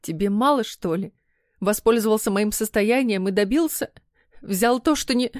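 A woman's voice: medium pitch, normal speed, a little mellow, dry recording, clean studio sound, close to an everyday voice. A woman reading an audiobook, voicing a furious, tearful young wife who shrieks in indignant outbursts. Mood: hurt. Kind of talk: audiobook character voice.

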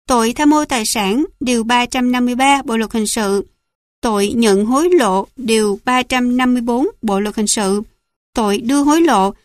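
A woman narrates a legal text for an audiobook, her voice sitting a little high for a woman. She keeps a steady, measured reading pace. The recording is dry and close, with no room sound. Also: no echo. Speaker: audiobook reader.

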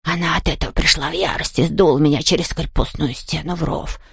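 A woman voicing a mischievous male ghost who wails slowly and drawls, in an audiobook. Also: low-pitched, gravelly, husky, no echo, clean studio sound, exaggerated voice. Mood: teasing, sly. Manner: slow, drawn-out wailing voice. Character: mischievous playful male ghost, boastful yet bashful. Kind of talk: audiobook character voice.

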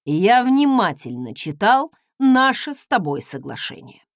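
Self-assured, mocking husband who purrs his words with a smirk and a lively, rising-and-falling melody, as a female reader puts him on. The recording is dry and close, with no room sound. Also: fairly high pitch, a little slow, dry recording. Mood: teasing. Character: smug teasing husband, adult man, magic-dabbling noble. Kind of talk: audiobook character reading.

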